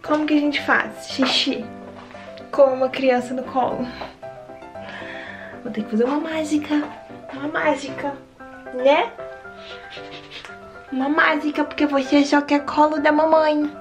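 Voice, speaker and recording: Woman, young mother, chatty home vlog, high voice, faint music behind. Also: fairly even intonation, a little slow, pauses often. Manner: chatty, talks softly to her baby. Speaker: vlogger and new mother. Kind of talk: casual home vlog chat. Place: home kitchen.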